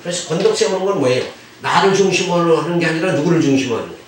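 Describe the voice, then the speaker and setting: Middle-aged male pastor lecturer, higher voice, rhetorical questions, heard from a distance in an echoey room. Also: lively intonation, rapid-fire, slight background noise. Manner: conversational, asks rhetorical questions with "eh?" and "right?". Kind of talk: bible lecture. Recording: echoey room, far from the mic.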